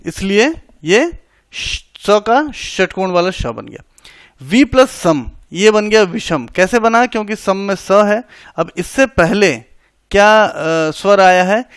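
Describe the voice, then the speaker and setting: A man's voice: sits high, a bit bright, no room sound, clean studio sound. A man teaching a grammar lesson for exam preparation, explaining each rule step by step, repeating it and checking that students follow, with English words mixed in. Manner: mixes English words into Hindi.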